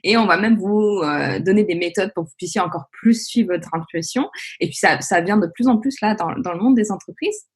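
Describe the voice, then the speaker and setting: A woman's voice: medium pitch, a little fast, breathy edge. A woman hosting a podcast, asking questions in a chatty way with restarts. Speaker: podcast host. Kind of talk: casual interview questions.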